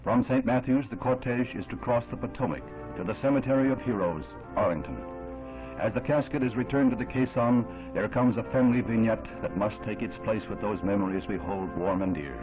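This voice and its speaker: A man giving solemn, measured, formal narration in an old 1960s newsreel. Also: fairly low pitch. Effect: old 1960s newsreel sound. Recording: thin narrow-band old film audio with music underneath.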